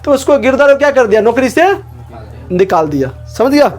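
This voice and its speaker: A man teaches a textbook chapter in an unusually high voice. He reads a line, repeats it, then stops to ask his students whether they have understood. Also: very animated, normal speed, soft background music. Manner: repeats lines and checks understanding with questions.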